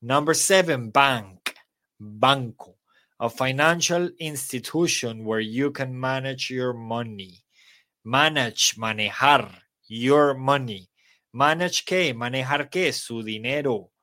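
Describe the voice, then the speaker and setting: A man leads a live-streamed English lesson. His voice sits at an ordinary middle pitch, and he explains words patiently, often pausing to correct himself. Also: pushed and bright. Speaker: English teacher. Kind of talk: live-streamed online class.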